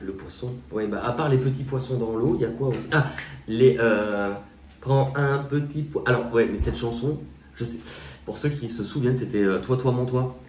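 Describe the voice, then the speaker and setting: A man's voice: mid-range voice, moderate pace, a little mellow. A man giving a casual, playful monthly reading, now and then breaking into sung lines. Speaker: astrology tarot reader. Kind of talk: casual monthly reading, singing snatches of songs. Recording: echoey room, voice from far off.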